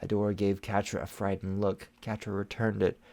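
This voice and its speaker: Sex: man. Role: channel host. Style: fan fiction reading with dry jokes. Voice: low, gravelly. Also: monotone, fairly quick, warm tone. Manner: dry joking asides.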